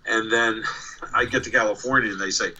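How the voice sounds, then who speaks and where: Over a video call, a New York man in his sixties with a faint local accent tells casual stories as an interview guest, often restarting and repeating words. His voice sits fairly low, with fairly even intonation and a fairly quick pace, and there's background noise.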